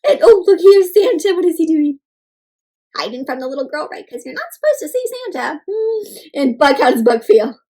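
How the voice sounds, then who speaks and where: A woman reads aloud to children from a storybook in a high-pitched voice at a moderate pace. Her animated, interactive telling includes questions for the audience plus fun sound effects and exclamations.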